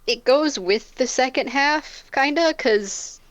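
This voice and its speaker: A young woman co-hosting a casual podcast, relaxed and giggly with dry jokes. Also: sits high, takes it slowly. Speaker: podcast co-host. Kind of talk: casual chat.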